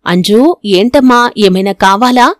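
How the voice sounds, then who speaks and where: A woman voicing a widowed father who talks in a brisk, placating way. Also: fairly high pitch, dry recording, studio quality, natural voice. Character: widowed father, hurried and uneasy.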